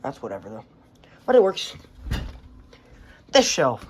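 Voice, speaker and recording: A man shows his collection of radios in a casual vlog recorded on a handheld phone, rambling and swearing offhandedly. His mid-range voice is unhurried and breathy-edged, with huge swings in pitch.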